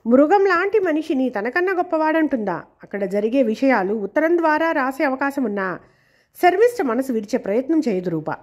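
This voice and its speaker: A woman storyteller reading a serialized novel in a steady, measured way. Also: high-pitched. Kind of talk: scripted narration of a serialized novel.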